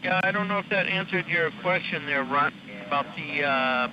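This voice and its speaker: A man's voice: a little high, normal speed. Man on mistuned sideband radio, hesitant. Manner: hesitant, many fillers. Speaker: radio net check-in operator. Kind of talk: casual on-air radio chat. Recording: muffled noisy radio reception.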